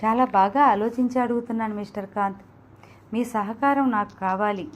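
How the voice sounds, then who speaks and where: A woman's voice: a little high, moderate pace, slight background noise, lightly acted. A woman voicing an earnest young heiress who begs a man for protection. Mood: pleading. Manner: earnest, pleading. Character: troubled young heiress pleading for help.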